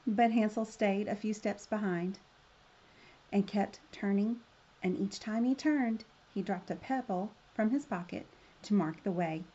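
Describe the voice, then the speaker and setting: A woman's voice: mid-range voice, a little slow, dark tone, husky, highs cut off. A woman reading a children's story aloud as a storyteller, in the manner of a fairy tale opening.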